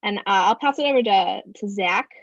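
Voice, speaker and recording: A young woman from New Hampshire on a casual video call panel, joking and relaxed. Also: mid-range voice, brisk, no echo. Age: young adult. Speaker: student panelist. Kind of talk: casual livestream Q&A. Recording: dull, dry lo-fi call audio.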